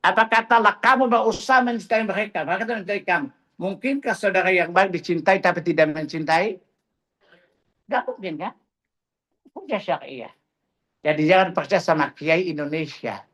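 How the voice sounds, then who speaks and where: A middle-aged man leads a religious study class with a fairly high-pitched voice. He preaches in a fiery, combative way, mocking opponents and hammering his listeners with rhetorical questions. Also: moderate pace, a bit bright.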